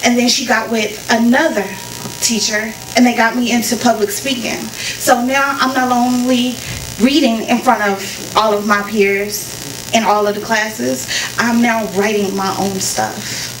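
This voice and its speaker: A woman's voice: fairly high pitch, fairly even intonation, measured pace, background noise. Woman telling her story on a live stage. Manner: conversational, repeats phrases for emphasis, talks to the crowd. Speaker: spoken word performer. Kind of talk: storytelling on stage before a performance. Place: live concert venue. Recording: roomy live sound from a distance. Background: faint audience ambience.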